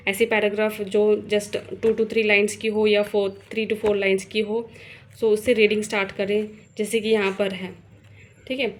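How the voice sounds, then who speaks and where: A woman explaining a reading lesson for parents in a casual teaching way. She mixes in English words, sounds words out slowly and often checks in with listeners. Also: medium pitch, a little hiss or hum.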